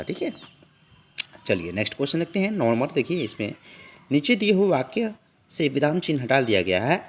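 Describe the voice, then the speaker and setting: Animated male tutor going through exam answers. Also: medium pitch. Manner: repeats "theek hai" constantly, asks and answers own questions. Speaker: online tutor. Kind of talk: exam question walkthrough.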